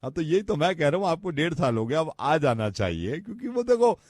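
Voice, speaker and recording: Male radio host, calm and persuasive, lively pitch, dry studio sound. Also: a little fast, no room sound. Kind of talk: prank call.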